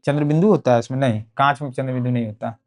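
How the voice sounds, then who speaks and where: A young man with a Bihari Hindi accent races through a board exam physics lesson in a mid-range, darkish voice. He's repetitive, drilling key terms and checking in often with "okay" ("ठीक है").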